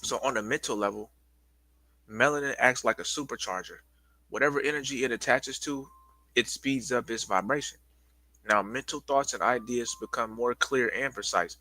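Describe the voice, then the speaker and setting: A man hosting a casual livestream lecture, talking loosely to his viewers with lots of restarts and pausing to catch his breath. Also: medium pitch, pushed and bright, low-quality recording. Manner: loose, repetitive, addresses viewers as y'all. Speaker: livestream host giving a presentation.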